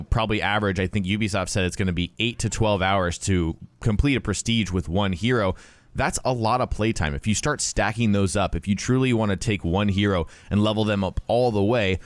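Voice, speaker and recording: A man's voice: lowish voice, dry recording. A man talking casually to viewers as a gaming YouTuber, explaining things conversationally and stressing key words, close to the microphone. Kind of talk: casual talk to viewers about a video game.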